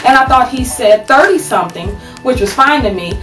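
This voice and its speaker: Woman, 30s, advice vlogger. High voice, preachy and animated, echoey home room, far from the webcam. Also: brisk, faint music behind. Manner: animated, preachy, says "okay?" often. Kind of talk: casual advice talk to camera. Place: small room at home, indoors. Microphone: webcam at desk distance.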